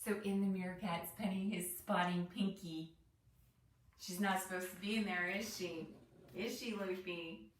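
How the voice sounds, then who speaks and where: A woman teacher reads a picture book aloud to children, explaining as she goes and asking the listener questions. Her voice is on the low side, a little slow, with fairly even intonation, and the distant mic gives it a roomy echo.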